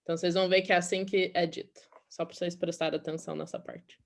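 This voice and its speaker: A woman's voice: on the low side, level tone, fast talker, vocal fry. A woman from Brazil teaching an English class in Portuguese, explaining patiently and often checking in with "okay?".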